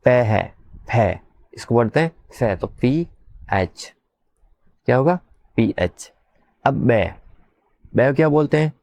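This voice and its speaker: A man teaches, keeping a slow, deliberate pace. He keeps asking "what is it?" and answers it himself, spelling letters out one by one. The recording is dry and close, with no room sound. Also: medium pitch, expressive, a little mellow, no room sound. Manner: asks questions, then repeats the answer himself. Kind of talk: classroom lesson.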